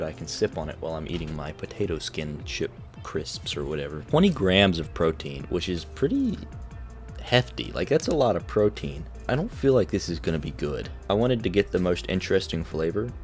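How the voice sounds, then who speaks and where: Man, very low voice, casual snack-review vlogger, jokey overdone reactions, faint music behind. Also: animated, fairly quick. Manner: joking, exaggerated disgusted reactions. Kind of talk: casual taste-test chat.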